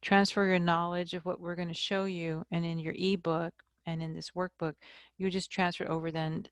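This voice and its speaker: Slow, lower-voiced woman teaching math. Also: little pitch movement, dry recording. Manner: slow, explanatory, frequent "okay?" checks. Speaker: math instructor. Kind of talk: recorded lecture.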